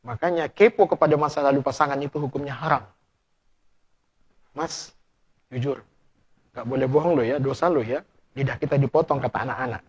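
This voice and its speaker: A male preacher giving a lively, playful premarital class sermon, addressing the audience directly and testing them with questions. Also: mid-range voice, fairly quick, pauses often, slightly rough, muffled recording. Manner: animated, playful, acts out couple dialogue in hushed voices.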